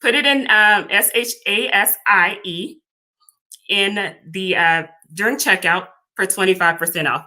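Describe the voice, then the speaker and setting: A woman from Houston, a small business founder, talking as a guest in a casual interview, friendly and relaxed with plenty of ums. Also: on the low side. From Houston, Texas.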